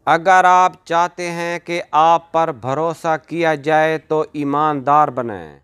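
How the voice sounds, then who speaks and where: A man with a fairly high, smooth and resonant voice reads short motivational sayings one after another. His delivery is measured and declarative, every maxim spoken as a firm, finished statement. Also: steady tone, a bit bright. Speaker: narrator of motivational quotes. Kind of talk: scripted motivational narration.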